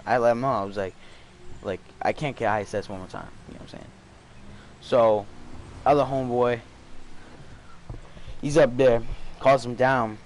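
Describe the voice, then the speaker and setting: A man's voice: medium pitch, fairly even intonation, moderate pace, long pauses, slight background noise. Rambling slangy young man telling a story. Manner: rambling, slangy, profane, with many fillers. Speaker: student storyteller. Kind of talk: casual storytime vlog.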